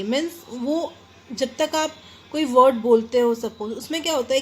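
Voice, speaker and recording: A woman with an Indian English accent teaching a grammar lesson, explaining slowly in English, then quickly in Hindi, and stressing each example word. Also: high voice, a little hiss or hum. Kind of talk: classroom lesson.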